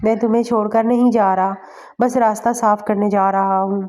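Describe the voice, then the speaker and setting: Steady protective young hero, reassuring, flat and mellow, read by a woman. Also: medium pitch, lightly acted. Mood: firm. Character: protective young male agent, calm and firm.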